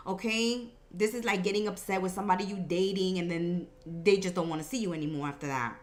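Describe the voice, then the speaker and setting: Fairly low-pitched and fairly quick, a woman hosts an improvised horoscope reading with a mystical, conversational feel. As a tarot and horoscope reader, she speaks emphatically, repeating phrases for effect.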